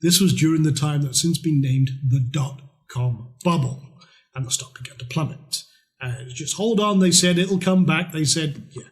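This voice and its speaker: Middle-aged man, raised voice, casual blunt pitchman for an online course. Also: normal speed. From Scotland. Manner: chatty, blunt, with mild swearing. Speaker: trading course presenter. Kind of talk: conversational sales pitch.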